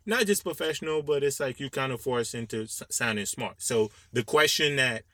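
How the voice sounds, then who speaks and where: A man's voice: mid-range voice, moderate pace, pushed and bright, no room sound. A man co-hosting a casual panel discussion, talking discursively and often checking in with rhetorical questions. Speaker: podcast co-host.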